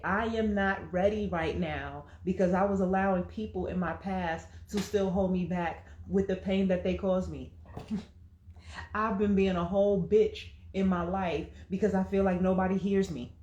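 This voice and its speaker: A woman coach in her thirties talks straight and emphatically to her livestream viewers in a fairly low voice. The sound is echoey and roomy. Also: a little mellow. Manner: emphatic, preachy and direct. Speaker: emotional wellness coach. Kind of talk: livestream motivational talk.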